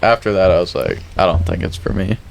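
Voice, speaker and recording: Young dude w a lowish voice, lots of likes and pauses, swears casually. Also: male voice, animated, vocal fry, over a noisy crowd. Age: young adult. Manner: halting, filler-heavy, profane. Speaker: podcast co-host. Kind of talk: casual chat.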